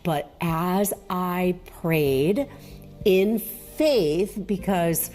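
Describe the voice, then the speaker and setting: Slow, earnest devout mother. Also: on the low side, dark tone, faint music behind. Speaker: mother of the interviewee. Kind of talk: personal testimony.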